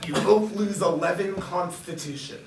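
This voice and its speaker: A woman's voice: on the low side, moderate pace. A woman acting as game master, narrating in a dry, offhand way in a comedy improv. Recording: roomy, distant and noisy.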